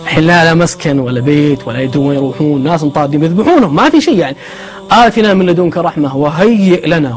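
A man's voice: high-pitched, a little mellow. A man giving a sermon, telling the stories with animation and asking rhetorical questions. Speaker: preacher. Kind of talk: sermon-style lecture.

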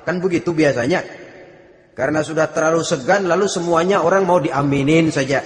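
A man preaches with lively, joking storytelling. His voice sits high for a man. It carries through a big hall, with a long, rolling echo behind every phrase. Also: a little fast. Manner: animated, joking, acts out scenes and laughs along. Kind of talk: sermon with storytelling. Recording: echoey hall with long reverb.

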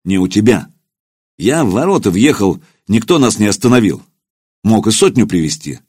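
A man's voice: on the low side, very animated, normal speed, darkish tone, husky. A man voicing a stern young prince-warrior who speaks in curt, commanding lines. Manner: curt, barked orders.

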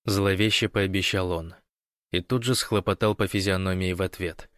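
A man narrating an audiobook in an even, measured reading. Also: sits low, dry recording, studio quality.

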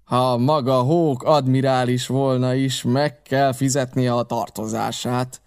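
A man voicing a blustering one-legged male pirate cook, speaking loudly and theatrically, often drawing his words out slowly. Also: mid-range voice, fairly even intonation, clean tone, lightly acted. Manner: loud, theatrical, drawn-out and slow.

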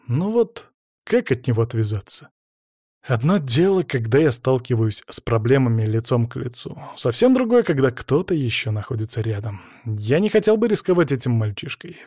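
A man reading a first-person audiobook with a lively, rising and falling delivery. His voice sits in a middle register and sounds dry and close, with no room around it. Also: medium pitch, moderate pace, breathy edge, no echo. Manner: expressive, varied storytelling. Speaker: narrator.

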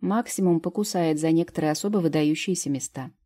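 A woman's voice: low-pitched, fast talker, warm tone. A woman voicing a confident young fairy sister who bosses and teases in an audiobook. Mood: bossy teasing. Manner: bossy, teasing, emphatic. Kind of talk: audiobook character reading.

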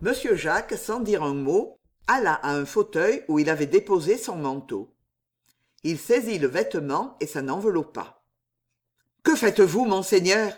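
A man reading a classic novel aloud as an audiobook narrator, in a measured storytelling manner. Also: fairly high pitch, animated. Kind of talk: scripted narration.

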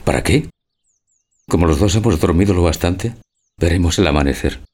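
In a theatrical radio drama, an actor with a low-sitting male voice plays a gentle, naive, melancholy older husband. He sounds dreamy and moved, giving a tender, poetic, deliberate delivery.

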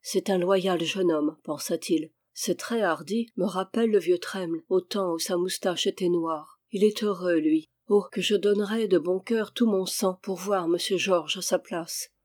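A woman calmly reading a classic adventure novel aloud as an audiobook, giving the dialogue light voicing. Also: fairly low pitch, a little slow, hardly any pauses. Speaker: audiobook reader.

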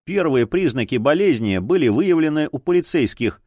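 Man, audiobook narration, expressive, lively pitch, dry close recording. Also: moderate pace, no echo.

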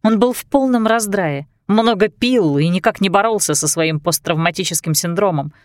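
A woman's voice: medium pitch, normal speed, no room sound, clean studio sound, natural voice. A woman voicing a young, emotional best friend in an audiobook, speaking in an earnest, pleading way. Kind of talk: audiobook character voice.

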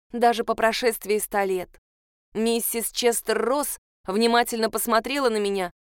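A woman voicing an imaginative, excitable girl who talks in a breathless, theatrical, gushing way. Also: fairly high pitch, smooth, dry recording, clean studio sound, close to an everyday voice.

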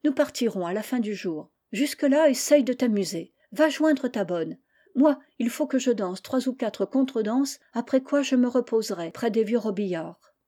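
Storybook: a patient noble mother, read by a woman, calm and reproving, mellow tone. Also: on the high side, moderate pace. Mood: gently reproving. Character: gentle, reproving aristocratic mother.

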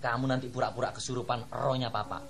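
A woman's voice: rumbling low, steady tone, quick pace, gravelly. A woman with an East Java accent playing a bossy, insistent schemer who coaches an accomplice in a stage comedy. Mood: scheming, instructing. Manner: instructing, insistent, exclaiming. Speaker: comic stage actor. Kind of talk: comedy sketch dialogue.

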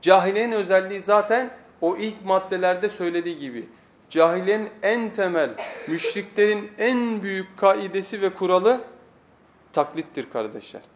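A man's voice: high voice, expressive, normal speed, slight background noise. A man preaching a weekly sermon lesson at a pulpit microphone, emphatic, repeating phrases and putting rhetorical questions to his listeners.

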